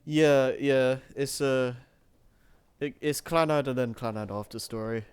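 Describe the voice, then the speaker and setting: A man's voice: mid-range voice, measured pace, a little mellow, clear, resonant tone, dry recording. Young guy co-streaming, easygoing, hesitant, mid-range voice. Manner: easygoing, laughs often, hesitant. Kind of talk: casual chat while gaming.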